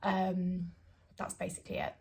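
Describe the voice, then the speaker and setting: A woman's voice: fairly low pitch, monotone, normal speed, vocal fry, darkish tone, slight background noise. A woman, chatting casually to her phone camera at home with plenty of fillers and giggles. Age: 20s. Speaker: vlogger.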